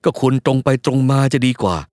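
A man narrating a first-person novel as an audiobook, telling it in a lively, expressive way. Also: brisk, dry recording, clean studio sound.

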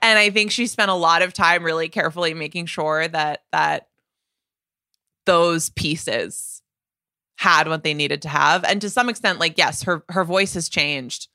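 Bright-voiced chatty woman podcast host. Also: deep voice, a little slow, dry recording. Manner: animated, chatty, with many restarts and fillers. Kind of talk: casual music discussion.

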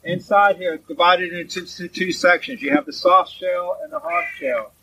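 Male guide talking informally on site, slightly high pitch, recorded from afar over noisy surroundings. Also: lively intonation, normal speed, creaky, pushed and bright. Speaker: tour guide. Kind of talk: informal explanatory tour talk. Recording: distant mic, noisy vehicle ambience.

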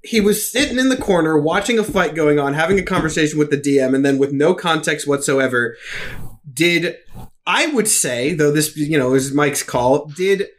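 A man's voice: on the high side, normal speed, slight background noise. A man running a tabletop game as dungeon master, teasing and laughing with his players.

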